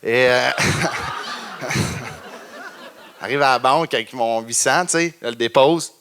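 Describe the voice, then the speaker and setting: A man's voice: medium pitch, slow pace, fairly bright tone, slight background noise. A young man with a Québécois accent doing a stand-up comedy set on stage, self-mocking and chuckling between lines as he acts out little scenes. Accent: Québécois French.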